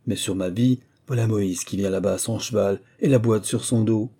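A man putting on a sharp-tongued scolding mother. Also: lowish voice, moderate pace, breathy edge. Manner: indignant, scornful.

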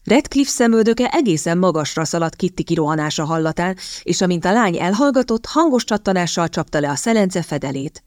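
A woman narrating an audiobook in a measured, even storytelling manner, recorded close to the mic. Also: on the low side, no room sound. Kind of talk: scripted narration.

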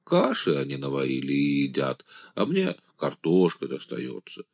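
A man voicing a simple-minded village man who calls himself an angel, speaking in a naive, drawn-out singsong. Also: extremely low pitch, huge pitch swings, no echo, clean studio sound, voice pushed down, exaggerated voice. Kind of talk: audiobook character voice.

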